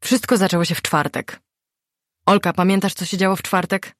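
A woman's voice: on the low side, steady tone, fairly quick, a bit bright, no room sound, clean studio sound, voice pushed up, lightly acted. A woman voicing a bossy, impatient young female friend who gives orders and scolds. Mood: commanding. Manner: commanding, scolding.

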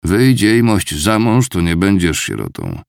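Man voicing gruff old veteran, blunt, muttering, deep gravelly voice. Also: wildly swooping pitch, a little slow, no room sound, clean studio sound, heavily acted. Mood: blunt teasing.

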